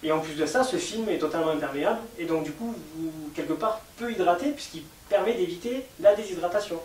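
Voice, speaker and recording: A man's voice: fairly high pitch, fast, a little mellow. Patient French man explaining, echoey room. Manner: patient, explains step by step with many fillers. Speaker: cosmetics maker interviewed. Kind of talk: explanatory interview talk. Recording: echoey room, mic at a distance, faint hiss.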